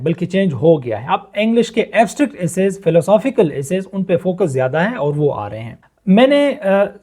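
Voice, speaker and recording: A man's voice: high-pitched, darkish tone. A man in his thirties with a Pakistani Urdu accent, tutoring exam candidates in an earnest, instructive way and slipping English phrases into his talk. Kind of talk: explanatory lesson.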